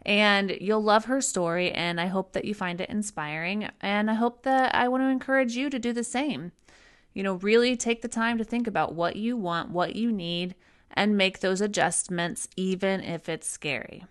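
A woman's voice: mid-range voice, normal speed, clean tone. A woman hosting a podcast, introducing her guest and interviewing her in an enthusiastic, encouraging way. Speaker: podcast host.

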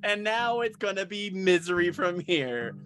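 A man's voice: high voice, expressive, a little slow, fairly bright tone, soft background music. A man co-hosting a podcast in casual chat, joking, laughing often and hesitating as he guesses at answers. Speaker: podcast co-host.

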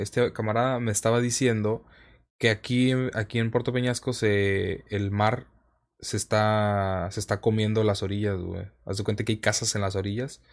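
A man with a Mexican accent and a fairly low voice hosts a podcast. He speaks casually, as in an informal conversation between co-hosts. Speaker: podcast host.

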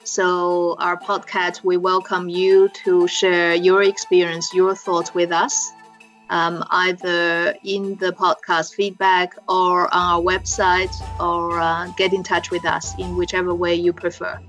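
A woman co-hosting a podcast, explaining things conversationally and pausing to find her words. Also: on the low side, monotone, a bit bright, faint music behind. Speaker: podcast co-host explaining Chinese culture. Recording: muffled, dull podcast audio.

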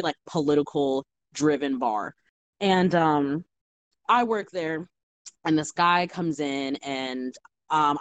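Chatty young woman telling bar stories. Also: sits low. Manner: animated storytelling with many fillers. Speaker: guest bartender. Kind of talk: casual podcast chat.

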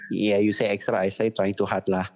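A man's voice: on the low side, flat delivery, normal speed, darkish tone. Blunt Jakarta man in casual chat. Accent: Indonesian, Jakarta colloquial. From Indonesia. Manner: blunt teasing, slangy, mixes in English.

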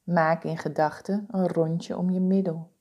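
A woman guiding a body-scan meditation with slow, soothing, calm instructions. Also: on the low side, muffled recording. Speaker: meditation guide.

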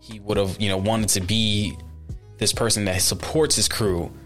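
A man talking as a guest on a casual podcast, his voice on the low side. He sounds laid-back but eager, tossing in "bro" and "dude" as he chats. Faint music plays behind him. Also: level tone, moderate pace, fairly bright tone.

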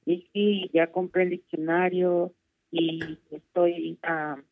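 A woman's voice: lowish voice, level tone, slow pace, no echo. A woman calling in, thanking the pastor in a polite, grateful way. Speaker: caller. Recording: tinny phone line.

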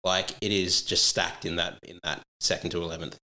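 A man's voice: deep voice, level tone, a little fast, sharp tone. An Australian man, a podcast guest giving casual sports analysis in conversation.

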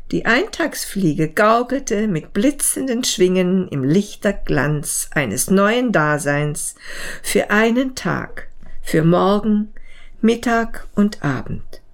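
Slow, expressive woman storyteller. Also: medium pitch. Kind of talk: storybook narration.

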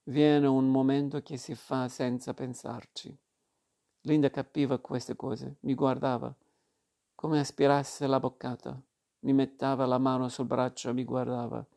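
Gravelly man reading a novel aloud. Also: mid-range voice. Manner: calm, measured first-person reading. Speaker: audiobook narrator. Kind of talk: literary audiobook reading.

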